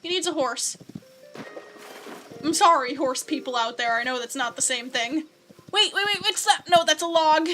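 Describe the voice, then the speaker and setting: A young woman with a high, bright voice chats her way through a game, giggling and reading out chat. Her talk is loose and bubbly. Soft game music plays underneath. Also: moderate pace, pauses often. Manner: chatty and giggly, coos at pets. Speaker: gaming streamer.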